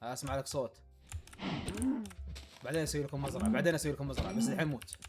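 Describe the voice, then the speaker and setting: A man's voice: mid-range voice, rapid-fire. A man giving casual let's-play commentary, talking to himself and to the animals in his game. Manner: talks to himself and the animals in the game, playful and excitable. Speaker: gaming YouTuber. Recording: faint game music behind.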